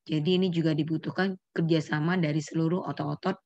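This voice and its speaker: A middle-aged woman with a low, dry voice delivers a medical lecture to students. She explains term after term, quizzes the class, and corrects herself mid-phrase. The recording sounds dull and lo-fi. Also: fairly even intonation, quick pace, darkish tone, no room sound. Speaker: neurology lecturer.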